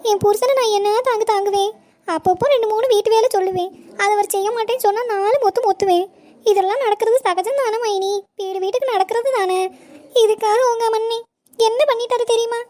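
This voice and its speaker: A woman voicing a bossy, whiny young wife in a cartoon comedy, pleading in a shrill, whining way. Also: steady tone, brisk, dark tone. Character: bossy, whiny young wife who beats her husband. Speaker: visiting sister-in-law.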